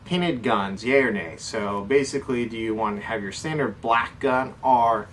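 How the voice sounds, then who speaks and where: On a casual airsoft chat show, a man serving as co-host answers questions and explains things in an easygoing way. His voice has a medium pitch and a fairly bright tone, and he speaks at a moderate pace. A faraway microphone captures him along with faint background noise.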